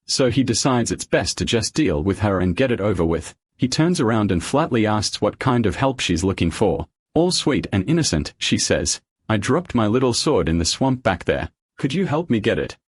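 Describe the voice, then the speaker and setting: A man tells a story recap in a casual, slangy, wry voice that is husky and a bit low. His pitch moves around a lot, and the voice-over is dry and close. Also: dry recording. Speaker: recap narrator.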